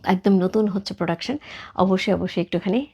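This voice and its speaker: A woman hosts a live-stream clothing sale, her voice husky and hoarse from a cold. She chats warmly along, greeting viewers by name and dropping English words into her pitch. Her pitch sits in an ordinary middle range. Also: brisk. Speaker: live sales host. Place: clothing outlet.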